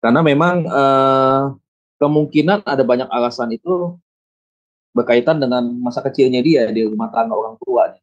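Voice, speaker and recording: Calm pastor man, dull lo-fi sound. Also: mid-range voice, moderate pace. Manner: calm, explanatory. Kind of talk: counseling talk.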